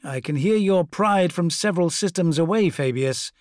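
A man's voice: high voice, animated, normal speed, darkish tone, no room sound, clean studio sound, voice pushed up. A man voicing a vain, volatile male serpent-bodied demigod who snaps and sneers. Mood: scornful. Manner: imperious, petulant, snapping.

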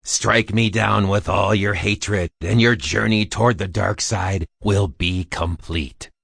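The gravelly, gloating Emperor. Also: male voice, fairly low pitch, steady tone, a bit bright, dry recording, full character voice. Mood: taunting. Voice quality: gravelly, husky, menacing whisper-like delivery. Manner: slow, taunting, relishing cruelty. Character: sinister old male galactic emperor, gloating tyrant.

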